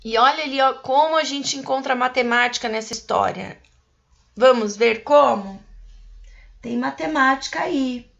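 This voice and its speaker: Brazilian woman, primary teacher, unhurried storybook reading with a gravelly edge. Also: high voice, a bit bright, highs cut off. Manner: slow, patient, explaining to children. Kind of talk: reading a storybook aloud to young pupils and explaining.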